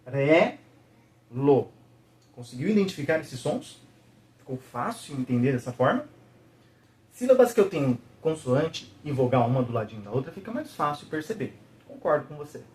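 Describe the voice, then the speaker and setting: A man teaching a video lesson, patiently checking in with the viewer and slowly sounding out each syllable. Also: a little high, darkish tone.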